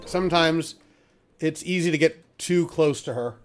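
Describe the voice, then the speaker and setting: Soft music plays in the background as a man with a fairly high voice hosts a relaxed game playthrough at a slightly slow pace. Reading the on-screen text aloud, he chats loosely with fillers and the odd mild swear word.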